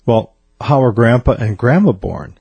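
A man's voice: mid-range voice, animated, unhurried, gravelly, warm tone, slightly rough, no echo, highs cut off, heavily acted. A man voicing a curious young boy who keeps asking questions in a joke.

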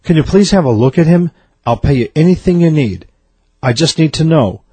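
Man putting on a frantic old gentleman, stammering, high-pitched, husky, dry. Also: animated, a little fast, dry recording. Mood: pleading. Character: frantic pleading old gentleman, grieving his dog.

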